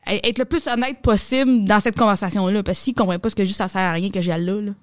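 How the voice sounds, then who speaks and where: Her voice medium in pitch and captured in clean, echo-free studio sound, a young comedian from Quebec tells stories in a casual podcast conversation. She talks rapidly with a Québécois French accent, lots of slang, and plenty of animation.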